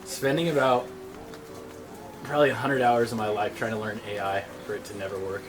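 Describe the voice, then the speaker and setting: A man's voice: fairly low pitch, level tone, a little fast. Young man freezing in ice-cold water, music behind. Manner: bro slang, joking. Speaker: agency owner being interviewed. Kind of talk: casual, profane challenge-video chat. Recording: background music.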